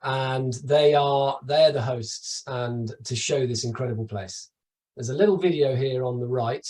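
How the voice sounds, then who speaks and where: A man's voice: medium pitch, measured pace, darkish tone. Man, middle-aged, from the UK, webinar presenter, chatty and enthusiastic, slightly distant from the mic. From United Kingdom. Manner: chatty, enthusiastic, with restarts and asides. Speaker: travel company presenter. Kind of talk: webinar presentation over slides.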